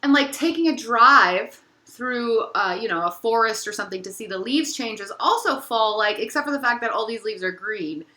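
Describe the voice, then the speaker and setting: A woman's voice: fairly high pitch, expressive, normal speed, few pauses, bright, forceful tone, roomy sound. A woman giving a casual candle review vlog, chatty and searching for words with lots of fillers.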